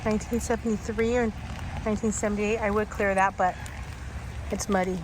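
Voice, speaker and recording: A woman hosting a paranormal vlog, narrating casually and haltingly as she thinks aloud while walking outdoors. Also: mid-range voice, steady tone. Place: outdoors in a cemetery, cold and rainy. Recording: noisy outdoor recording with vehicle noise.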